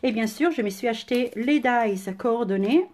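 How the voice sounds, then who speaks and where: A woman with an Italian accent chatting enthusiastically through a casual live-stream unboxing, often pausing on "euh", recorded on a phone camera indoors at home. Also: fairly high pitch, a little mellow, a little hiss or hum. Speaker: crafting product demonstrator.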